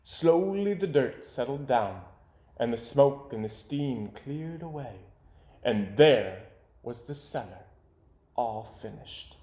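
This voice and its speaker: A storybook reader with a mellow, medium-pitched voice narrates a children's story with dramatic flair, shifting volume and tempo to build suspense. It's a roomy home recording.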